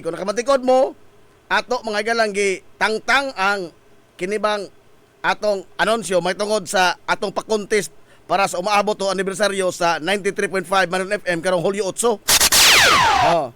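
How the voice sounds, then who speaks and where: A man hosting a morning radio show, chatty and joking, his voice hoarse from a cough and cold. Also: high-pitched, moderate pace, a bit bright. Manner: jokey, laughs often at his own quips. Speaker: radio host.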